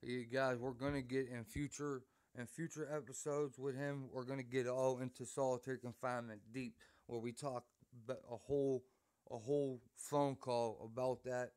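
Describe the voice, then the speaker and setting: A man's voice: medium pitch, little pitch movement, normal speed, darkish tone, clean tone. A man hosting a casual phone chat, speaking in a slangy, repetitive way and often saying "bro". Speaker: host taking a call from an inmate.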